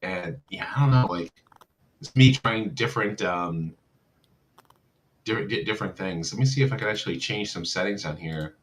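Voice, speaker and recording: A man's voice: deep voice, moderate pace, slight background noise. A man chatting on a live stream over a laggy video call, his voice coming through robotic and dragging, with hesitant, stammering restarts. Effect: glitchy, robotic-sounding video call audio that drags and freezes. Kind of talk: casual live-stream chat. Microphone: computer mic over an internet video call.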